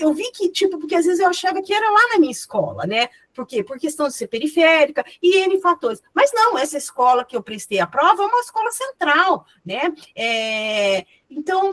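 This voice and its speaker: A woman's voice: high-pitched, fairly bright tone. A woman schoolteacher telling a story in a chatty way on a video call, often tagging her sentences with "né?". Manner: chatty storyteller, many "né?" tags. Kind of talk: anecdotal discussion on a video call.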